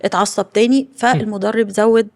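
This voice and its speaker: Egyptian woman host, quick questions, keeps conversation moving. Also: medium pitch, fairly even intonation. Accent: Egyptian Arabic. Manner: asks questions, frequent "mm" backchannels. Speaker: talk show host. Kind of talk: casual studio conversation.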